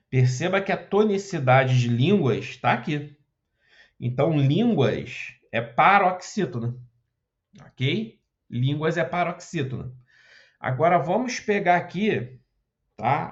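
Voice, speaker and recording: This is a muffled exam prep lesson in which a man explains Portuguese grammar one step at a time, regularly pausing for short check-in questions as he goes through the questions. He takes it slowly, and his voice is on the high side with lively intonation.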